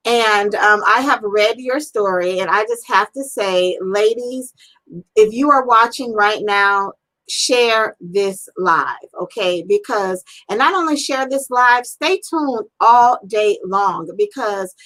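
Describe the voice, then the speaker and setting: A woman's voice: mid-range voice, slow pace, fairly bright tone, poor audio. A woman hosting a live-streamed interview, talking in an effusive, upbeat and encouraging way. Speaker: interview host.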